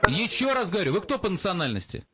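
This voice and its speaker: A man's voice: high-pitched, very animated, quick pace, pushed and bright. A man on a confrontational phone call, speaking in a stern, accusatory, interrogating manner.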